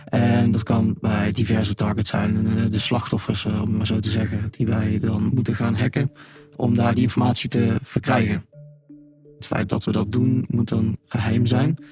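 A man answering interview questions in careful, measured explanations, his voice disguised by an electronic deep pitch shift to hide who he is. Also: flat delivery, mellow, faint music behind. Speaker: government hacker interviewed anonymously.

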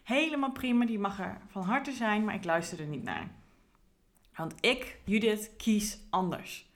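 A woman's voice: medium pitch, expressive, measured pace. A woman, a career coach, talking earnestly in a reflective podcast monologue with frequent fillers and restarts.

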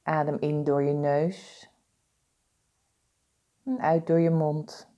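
A woman leading a guided body-scan meditation, giving calm, soothing, deliberate instructions with pauses. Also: low-pitched.

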